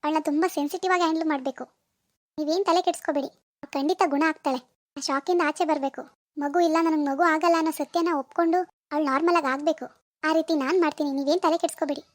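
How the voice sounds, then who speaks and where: A woman doing a high-voiced calm cartoon doctor. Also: fast talker, no echo, natural voice. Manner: calm, explanatory, reassuring. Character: calm, reassuring adult doctor. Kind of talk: Kannada cartoon voice acting.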